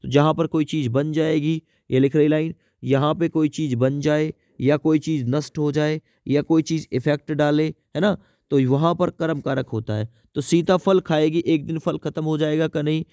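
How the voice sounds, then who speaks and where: A man giving an exam-prep grammar lesson. He asks questions and answers them himself, with a lot of repetition, and reads the example sentences out slowly. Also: a little high, steady tone, mellow, no echo. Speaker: teacher.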